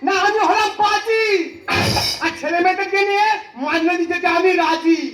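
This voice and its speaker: A woman's voice: extremely high pitch, moderate pace, fairly bright tone. A woman playing a dim, boastful village husband who poses as a boatman in a folk stage comedy, with joking, naive retorts. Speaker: stage comic performer. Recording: echoey, distant stage mic with faint music.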